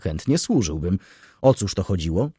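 Man reading as a worn-out middle-aged merchant, short reserved answers, low husky voice. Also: very animated, moderate pace, warm tone, no room sound, clean studio sound, full character voice. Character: weary, brooding middle-aged merchant, curt.

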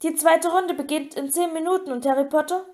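Dobby, a squeaky eager house-elf, read by a woman. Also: a little fast, darkish tone. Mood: urgent. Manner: insistent, speaks of himself in third person.

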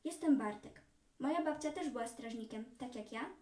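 A woman's voice: on the high side, moderate pace, dark tone, lightly acted. A woman reading the lines of an earnest young boy who guards a cave, in a storybook reading. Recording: echoey hall from far off.

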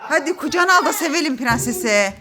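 Young woman, family vlogger at home; very high, bouncy voice, excitable and quick to squeal and laugh. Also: crowd noise. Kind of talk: casual family vlog. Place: indoors at home.

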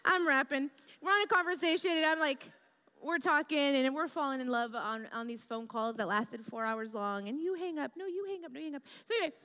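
Midwest lady preacher, funny sermon, bright sharp voice, big echo from the hall. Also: high-pitched, fairly quick. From American Midwest. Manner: animated, comedic, acts out quoted voices. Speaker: guest preacher. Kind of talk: humorous sermon with storytelling. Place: church hall. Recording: reverberant church hall.

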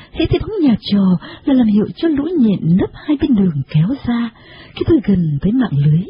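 Expressive female storybook narrator, dramatic, slightly high, lo-fi. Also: slight background noise. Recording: dull lo-fi recording.

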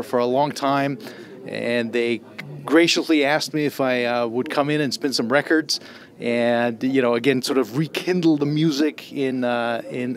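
A middle-aged man from Austria speaks into a handheld mic held close, in a casual, eager introduction. He rambles, circling back with fillers and repeated starts, at an ordinary middle pitch. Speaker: audio writer and guest. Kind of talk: casual spoken introduction to camera. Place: trade show demo room.

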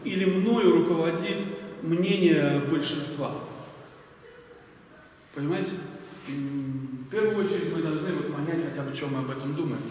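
A man in his forties preaches from a lectern in a bright church hall with large windows, speaking conversationally with lots of fillers and putting questions to the audience. His voice is fairly high and darkish, at a normal speed with long pauses and a little hiss or hum. A stand mic at the lectern picks him up, but the sermon is filmed from afar, so the hall sounds echoey and distant.

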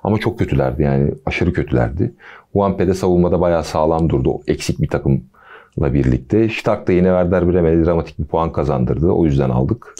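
Deep-voiced man chatting football. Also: normal speed, muffled recording. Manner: relaxed, chatty, jokey asides. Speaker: football podcast host. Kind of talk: casual football talk.

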